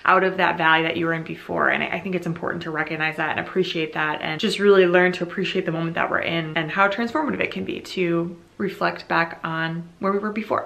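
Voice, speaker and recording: Late 20s woman doing a casual youtube vlog, bright crisp-edged voice a bit on the low side, earnest and chatty. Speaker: YouTube vlogger. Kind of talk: casual chat to camera, reading old journal entries. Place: small furnished room at home.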